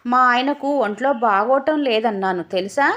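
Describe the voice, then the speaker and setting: A woman's voice: a little high, moderate pace, a bit bright, close to an everyday voice. A woman voicing a coaxing, innocently teasing wife in an audio story. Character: sweet-talking, teasing young wife.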